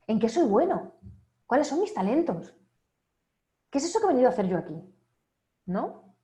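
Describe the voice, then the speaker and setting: A woman giving a motivational talk at a wellness congress, leading listeners through a string of rhetorical questions and often checking in with a quick "right?". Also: mid-range voice, a little mellow. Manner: asks many rhetorical questions, often ends with a checking "¿vale?". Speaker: speaker at an online wellness congress. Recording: echoey room.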